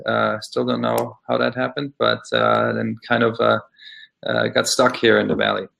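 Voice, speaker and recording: A middle-aged man from Austria, a guest in a casual interview, speaking thoughtfully with many pauses and fillers. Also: mid-range voice, flat delivery, creaky, a bit bright. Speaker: interview guest, law scholar.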